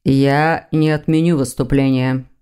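A composed elder male demon who heads an academy, measured and quietly mocking, as a woman reads him aloud. His lines come low and unhurried, with a dark, mellow tone. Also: fairly even intonation, smooth. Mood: dry. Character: older male demon, academy rector and calm father.

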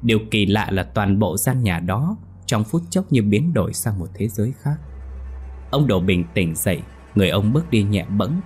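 A man's voice: fairly low pitch, a little mellow. A man narrating a ghost story in a dramatic reading voice. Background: faint music.

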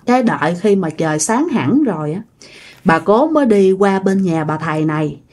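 A woman's voice: on the low side, expressive, normal speed, a little mellow. A woman telling a ghost story in a chatty, folksy way, speaking to the listener.

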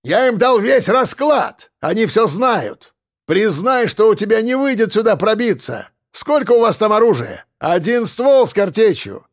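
A man's voice: high-pitched, sing-song, measured pace, pitched above the performer's own voice. A man voicing a defiant older male ex-convict who has switched sides, with a ringing, taunting voice, in an audiobook. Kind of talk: audiobook character voice.

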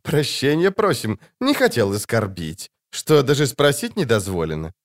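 The sneer of a young bandit who mocks everyone he corners, pitched high and swinging wildly up and down, as a male narrator puts him on. His taunts slide up in a lively, jeering lilt. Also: a little fast.

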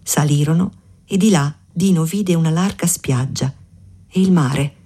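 Low-voiced woman narrating a novel. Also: measured pace, warm tone, husky. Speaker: audiobook narrator. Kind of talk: literary audiobook narration.

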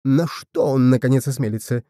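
An earnest, worried little folk man, read by a male narrator close to his own voice. He talks gravely in a very dark, mellow tone, with a dry, close sound. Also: on the high side, lively intonation, brisk, no room sound, natural voice. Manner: earnest, rising to alarmed cries.

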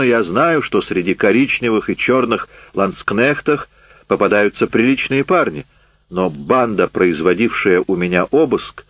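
A man voicing a bitter, worn-out man back from a camp, speaking loud and heated, in a dull, dry recording. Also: mid-range voice, dry recording, close to an everyday voice.

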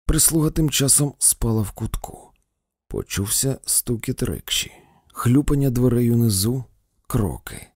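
A male narrator reads an audiobook with expressive storytelling. His voice is dark, mellow and husky, and his pitch moves in a lively way. The recording is close and dry, with no room sound. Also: no echo. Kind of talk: audiobook reading.

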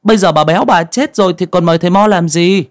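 A man's voice: high voice, fast, voice pushed up, close to an everyday voice. A man voicing a timid young male servant who stammers and pleads, in a story reading. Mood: grumbling. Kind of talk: storybook voice acting.

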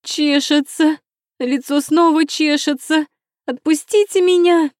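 A woman's voice: high-pitched, fairly even intonation, slow, darkish tone, dry recording, clean studio sound, pitched above the performer's own voice. A woman voicing a spoiled young princess, hysterical and pleading, crying out shrilly in an audiobook.

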